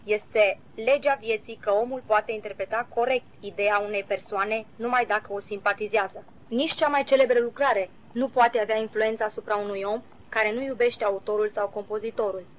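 A woman reading a devotional Bible commentary aloud in a measured, earnest way, citing verses as she goes. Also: mid-range voice, fairly even intonation. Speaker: Bible teacher. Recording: slightly dull lo-fi recording.

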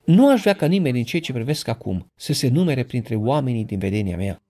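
A man preaching a sermon, speaking directly to his listeners with questions and building to loud, emphatic peaks. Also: medium pitch, animated. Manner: emphatic, rises to loud passionate peaks when quoting; addresses the congregation directly with questions.

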